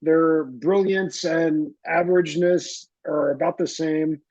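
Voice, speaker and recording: A man's voice: a little high, fairly even intonation, unhurried, darkish tone, no room sound, dull audio. A man co-hosting a podcast, arguing casually, incredulous, swearing and laughing often. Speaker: podcast co-host. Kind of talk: casual argumentative chat.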